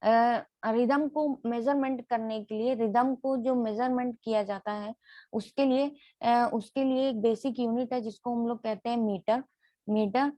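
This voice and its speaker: A woman teaching literary terms for an exam, who reads each definition slowly, then explains it, repeating key words and asking and answering her own questions. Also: on the high side, steady tone, mellow, no room sound.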